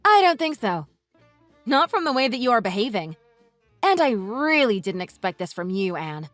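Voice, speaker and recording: A woman voicing a furious wife who mocks and cuts into her in-laws with sarcasm, over soft music. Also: a little high, sing-song, moderate pace, dry recording. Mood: sarcastic. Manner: sarcastic, cutting, mocking. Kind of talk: read-aloud text-message story. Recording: dry voice with soft music underneath.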